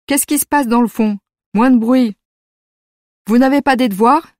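A woman's voice: a little high, moderate pace, darkish tone, no room sound, clean studio sound, close to an everyday voice. A woman voicing a stern, weary adult man who supervises a school.

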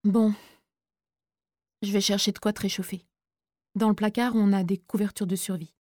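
A woman reading a protective middle-aged male teacher who yells in fury at some moments and soothes softly at others, in an audiobook. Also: mid-range voice, fairly even intonation, normal speed, no room sound, clean studio sound, lightly acted. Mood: gentle. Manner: furious yelling, then gentle and soothing.

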